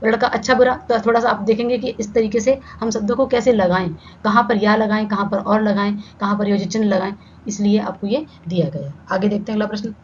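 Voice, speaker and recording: A woman teacher, at a medium pitch, works through a grammar lesson one point at a time. She checks in often with a quick "ठीक है". The recording sounds a little muffled and lo-fi, with a faint hiss behind her voice. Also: fairly even intonation. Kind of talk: online Hindi grammar lesson. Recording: slightly dull lo-fi sound with faint background hiss.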